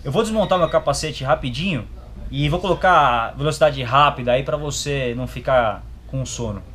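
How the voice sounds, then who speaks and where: Speaking at a moderate pace in a medium-pitched, fairly bright voice, a young adult reviewer with a Brazilian accent shows off a product indoors at a motorcycle gear shop. His step-by-step demonstration is casual and colloquial, punctuated by short check-in tags.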